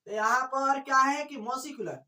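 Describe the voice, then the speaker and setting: A woman teaching a biology class, her voice a little high, repeating each point and quizzing the room with rhetorical questions. She sits some way from the microphone in an echoey room, so the sound is distant and roomy. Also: moderate pace, bright, forceful tone. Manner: repetitive, keeps asking rhetorical questions; mixes in English terms. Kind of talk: classroom lecture. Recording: echoey room, far from the mic.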